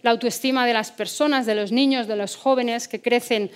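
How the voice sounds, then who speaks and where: Una mujer psicóloga con acento de España que da una charla motivacional con tono serio y preguntas retóricas. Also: female voice, fairly high pitch, fairly even intonation, moderate pace, clear, resonant tone. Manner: earnest, rhetorical questions. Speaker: psychologist giving a talk. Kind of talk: motivational talk.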